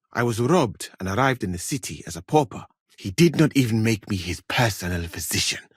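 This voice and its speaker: An actor playing a learned, proud Malian court physician in a medieval video game, speaking in a formal, courteous, dignified way. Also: male voice, low voice, breathy edge, no echo, studio quality, heavily acted. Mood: explaining, dignified. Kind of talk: video game character dialogue.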